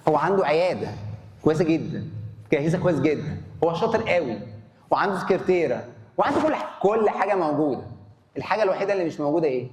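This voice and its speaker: Animated man lecturing in an echoey hall. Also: a little high, very fast. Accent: Egyptian Arabic. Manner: animated, asks the audience questions and answers them. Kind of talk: conference talk. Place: conference hall. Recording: echoey hall, faint noise.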